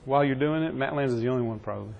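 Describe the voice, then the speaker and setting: A man's voice: medium pitch, rapid-fire, creaky, lo-fi sound. A man teaching a classroom EMS training session, quizzing his trainees and joking with them. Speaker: EMS instructor.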